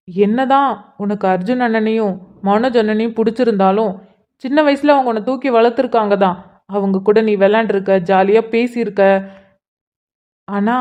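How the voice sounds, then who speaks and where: A woman's voice: mid-range voice, a little mellow, lo-fi sound, lightly acted. A woman voicing an earnest young man who keeps pressing his elder sister with pleading, insistent questions in a cartoon. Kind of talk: cartoon voice acting.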